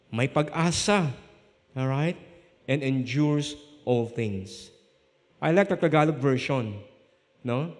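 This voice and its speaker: Filipino pastor preaching in an echoey hall. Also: male voice, on the high side. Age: middle-aged. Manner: humorous storytelling with frequent "no?" tags. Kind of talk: sermon. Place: church sanctuary.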